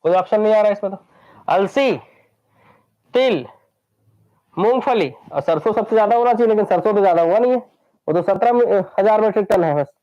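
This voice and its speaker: A man from Chhattisgarh, India, teaches an exam-prep lesson, drilling lists by repeating them over and over and quizzing his students with questions. His voice is high and fairly quick, with frequent pauses. The recording sounds dull and lo-fi.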